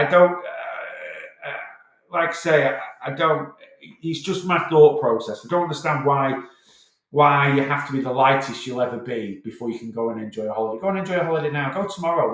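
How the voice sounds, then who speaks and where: A man chats through a live weight-loss Q&A at a middling pitch, circling back and repeating his phrases as he reassures viewers. His voice bounces around a strongly echoing room. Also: a bit bright. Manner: chatty, repeats himself, stops and starts, direct and reassuring. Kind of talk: casual live stream chat. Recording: very echoey room.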